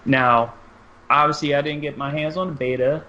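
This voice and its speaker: A man's voice: fairly high pitch, fairly even intonation, moderate pace, bright, forceful tone. A man co-hosting a sports and gaming podcast, talking things through at length in casual chat. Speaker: podcast co-host. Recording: dull lo-fi sound, faint noise.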